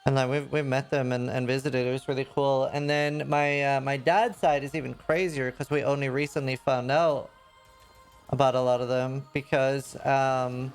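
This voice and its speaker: A man's voice: mid-range voice, fairly even intonation, normal speed, clean tone, faint music behind. A man from Norway, a game streamer rambling in casual chat, full of fillers and restarts.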